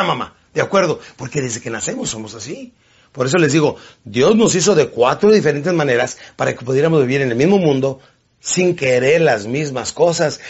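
This man speaks with a raspy, gravelly voice pitched a little high. He gives an animated motivational seminar talk and keeps slipping into character voices. The recording sounds dull and lo-fi.

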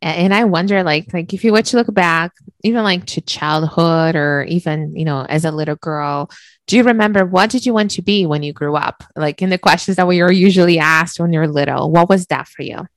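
A woman's voice: lowish voice, fairly quick, no echo. Chatty woman interviewer, dry sound. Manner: enthusiastic, chatty, many fillers like "like" and "right". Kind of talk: conversational interview.

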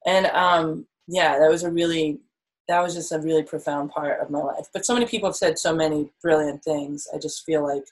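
A woman's voice: sits low, steady tone, fairly quick, low-quality recording. A young woman guest in a casual interview, talking in a reflective, rambling way with many fillers.

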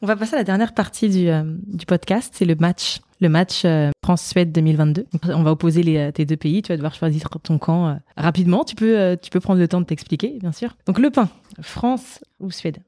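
A woman hosting a podcast, asking quick questions in a casual interview. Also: fairly low pitch, dark tone, no echo, clean studio sound. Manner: brief prompts, frequent laughs. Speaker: podcast host.

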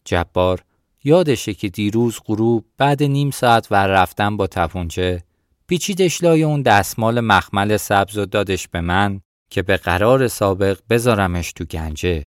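A man reading a novel aloud in the first person, in a steady storytelling manner. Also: fairly low pitch, smooth, no echo, clean studio sound. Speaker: audiobook narrator.

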